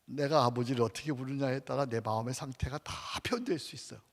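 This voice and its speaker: A male pastor preaching a sermon at a conference. He swings between loud calls and hushed, prayerful murmurs, asking his listeners questions and having them repeat prayers. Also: medium pitch, fast talker. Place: church sanctuary with long reverb. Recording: reverberant church hall.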